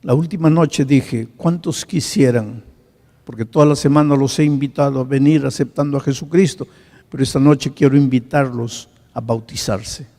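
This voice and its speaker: A male pastor telling a story in a sermon, swinging from hushed to loud. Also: mid-range voice, moderate pace, in a large hall.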